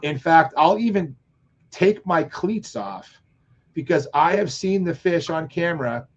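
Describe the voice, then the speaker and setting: Casting note: man, fairly high voice, rambling fishing storyteller, lo-fi muffled sound. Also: a little slow. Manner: rambling storyteller, animated quotes. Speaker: fishing show regular. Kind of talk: casual chat on live show.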